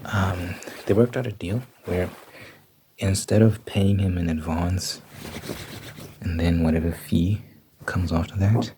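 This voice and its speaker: A man in casual, rambling talk, thinking out loud in an informal way. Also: low voice, fairly even intonation, unhurried, pauses often, noisy background.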